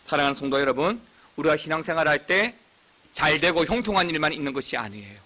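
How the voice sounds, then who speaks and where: A middle-aged male pastor giving an animated sermon, breaking into shouts and acted cries. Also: a little high, fast talker.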